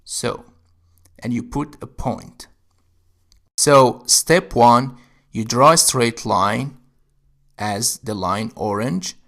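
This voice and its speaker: A man's voice: mid-range voice, drawn-out words, creaky, long pauses, fairly bright tone. A man teaching Arabic letters, explaining how to write each one step by step. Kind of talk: instructional narration.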